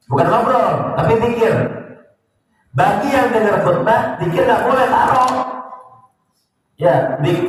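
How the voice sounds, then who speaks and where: A man giving a lively, teasing sermon lecture in a mosque, often putting questions to the congregation. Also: high voice, slight background noise. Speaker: ustadz teaching a kitab study. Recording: echoey mosque hall from far off.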